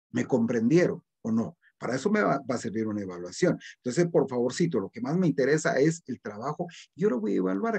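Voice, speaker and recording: A man's voice: mid-range voice, a little mellow, slightly rough. A middle-aged man with a Guatemalan Spanish accent, giving a recorded literature class and earnestly urging his students to read and write well. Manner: earnest, exhorting, addresses students formally. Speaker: literature teacher.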